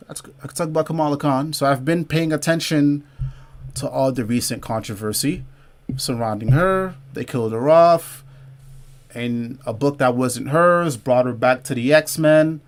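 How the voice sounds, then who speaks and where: A man runs a casual comic book livestream, talking loosely with his chat in a mid-range voice at normal speed. Reading viewer comments aloud and repeating phrases to drive the point home, he drops "y'all" and "man" and asks viewers to leave a comment below.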